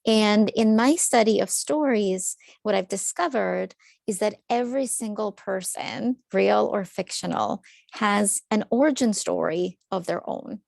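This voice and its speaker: A woman's voice: mid-range voice, animated, a little slow, gravelly, a little mellow, no echo. A woman in her thirties, from Ukraine, giving a webinar talk as a psychologist, telling her story earnestly with light jokes. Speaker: psychologist presenter.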